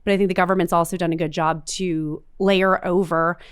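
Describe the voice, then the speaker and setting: A woman's voice: on the low side, steady tone, a little fast, smooth, dry recording, clean studio sound. A woman co-hosting a political podcast, chatty and full of hedges and fillers. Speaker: podcast co-host. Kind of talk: casual political chat.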